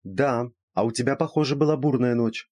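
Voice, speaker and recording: A man voicing a brisk, skeptical female friend who teases and lectures. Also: medium pitch, a little mellow, no room sound, pitched above the performer's own voice, natural voice. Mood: teasing.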